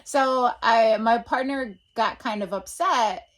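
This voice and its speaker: A woman chatting in a casual vlog, excitable and full of casual slang. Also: fairly high pitch, slow. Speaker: reptile keeper vlogger. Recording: noisy background ambience.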